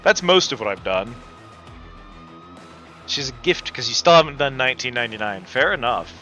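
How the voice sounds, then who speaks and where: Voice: medium pitch, lively intonation, normal speed, sharp tone, muffled recording. A livestream host chatting casually and effusively with viewers while playing a video game. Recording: game music behind the voice. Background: video game music.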